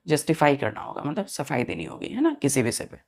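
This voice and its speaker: A woman teaching a vocabulary lesson, spelling words out letter by letter and often asking the students if it is clear. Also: rumbling low, wildly swooping pitch, fairly quick, darkish tone.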